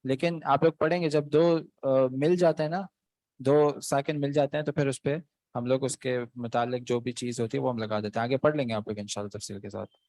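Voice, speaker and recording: A man's voice: medium pitch, steady tone, a little mellow, no echo. Patient male teacher on a class call. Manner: patient, keeps checking with "okay". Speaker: Arabic teacher. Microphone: online video call.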